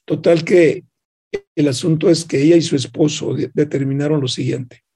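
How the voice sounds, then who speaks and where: A man's voice: a little high, fairly even intonation, normal speed, warm tone, a little hiss or hum. A man hosts a reflective radio talk, retelling a news story and voicing both sides of its dialogue. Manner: asks rhetorical questions of the listener. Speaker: radio program host.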